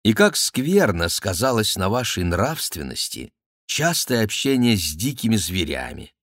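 A man's voice: lowish voice, very animated, measured pace, a bit bright, no room sound, studio quality, exaggerated voice. A man reading an audiobook, voicing a mocking, politely insolent young nobleman in an ironic, teasing tone. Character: mocking cool young male courtier, a nobleman.

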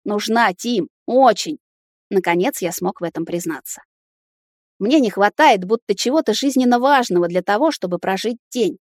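A woman reading a first-person novel aloud, with steady, intimate storytelling. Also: medium pitch, normal speed, dry recording, clean studio sound. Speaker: audiobook reader.

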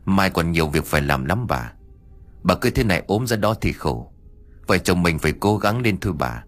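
A man voicing a gentle, grieving middle-aged father who talks in a patient, soothing way. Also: low voice, big pitch swings, brisk. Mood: coaxing.

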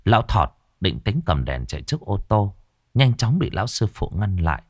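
A man tells a ghost story in a dramatic, expressive way. His voice is low, but it rises and falls with great animation. The recording is dry and close. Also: normal speed, dry recording.

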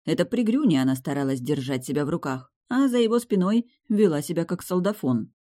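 A woman narrating a fantasy audiobook in a low, mellow voice. She reads in a steady, wry storytelling manner, with a relaxed and warm tone throughout. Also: fairly quick. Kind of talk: first-person fantasy novel reading.

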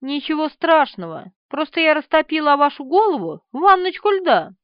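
A woman's voice: high voice, big pitch swings, normal speed, dry recording, voice pushed up. A woman voicing a feisty, mischievous young woman with a bold, teasing manner in an audiobook. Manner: bold, teasing, sharp-tongued. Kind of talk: audiobook character reading. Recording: dry, slightly dull studio recording.

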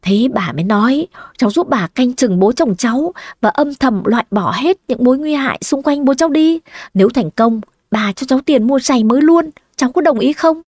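A fretful old grandmother pleads and schemes, as a woman storyteller puts her on. Her coaxing voice sits somewhat high. The sound is dry and close. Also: animated, brisk, darkish tone, dry recording.

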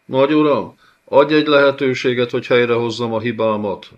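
A man's voice: medium pitch, pitched above the performer's own voice, natural voice. A man voicing a groveling, scheming male envoy who stammers and begs, in a dull lo-fi audiobook recording. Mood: pleading. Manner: stammering, pleading, fawning.

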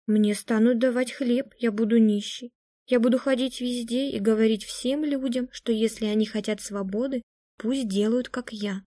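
A woman reading an audiobook gives voice to a detached young woman who talks in a flat, unwilling monotone. The voice sits a little high and sounds mellow, recorded dry and close. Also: normal speed, dry recording, lightly acted. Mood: flat indifferent.

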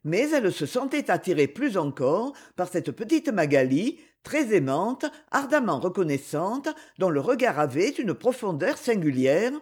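A woman reads a classic novel aloud in an expressive narrating voice. Her tone is somewhat husky, and her pitch moves in a lively way through the sentences. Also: unhurried, hardly any pauses. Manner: expressive reading. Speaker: audiobook narrator.

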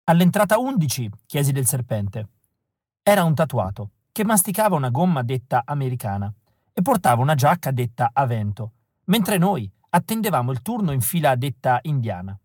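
A man reading a novel aloud in a wry, deadpan narrating manner. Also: mid-range voice, normal speed, no room sound, studio quality. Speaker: audiobook reader. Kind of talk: scripted narration.

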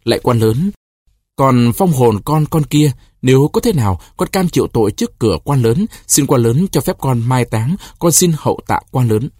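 A man's voice: medium pitch, lively intonation, normal speed, dark tone, breathy edge, no room sound, clean studio sound. A man voicing a humble, grieving older peasant father who pleads with an official, in a storybook reading. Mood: pleading.

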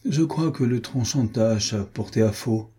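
A man voicing a shy young Huguenot nobleman who speaks gently, in an audiobook reading. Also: mid-range voice, moderate pace, slightly rough. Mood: gentle.

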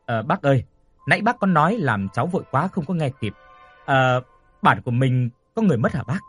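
A man's voice: mid-range voice, sing-song, fairly quick, a bit bright, slightly rough, faint music behind. A man voicing a curious young man who keeps asking anxious questions. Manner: eager, asks many questions.

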